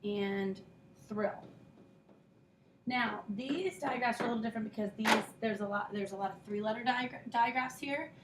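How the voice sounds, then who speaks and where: A woman's voice: a little high, fairly quick, few pauses, far from the mic, noisy background. A woman teaching a recorded phonics lesson, patiently explaining step by step and sounding out letter sounds. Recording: echoey room, voice a bit off-mic.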